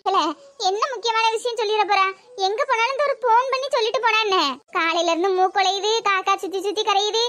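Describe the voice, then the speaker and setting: A fretful old village grandmother from a cartoon, voiced by a woman, fussing over her grandchildren in a Tirunelveli Tamil accent. Her voice is very high and pinched. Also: steady tone, fast, fairly bright tone. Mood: worried. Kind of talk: cartoon voice acting.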